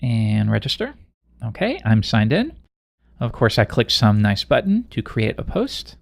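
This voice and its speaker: Casual male coding tutor, gravelly. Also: medium pitch, measured pace, dry recording, studio quality. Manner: relaxed, conversational, thinking aloud while coding. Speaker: programming instructor.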